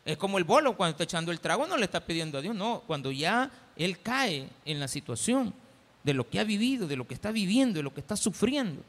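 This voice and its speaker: Salvadoran male pastor, lively sermon delivery with acted-out quotes, high bright voice, echoey hall. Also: fast talker. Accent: Salvadoran Spanish. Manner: animated, acts out quoted voices.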